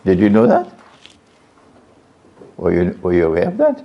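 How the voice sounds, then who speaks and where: Man preaching, gravelly voice, lively pitch, asks the audience questions. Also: normal speed. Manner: questions the audience, varies his pitch widely. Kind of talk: sermon to an audience. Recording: lo-fi, dull sound.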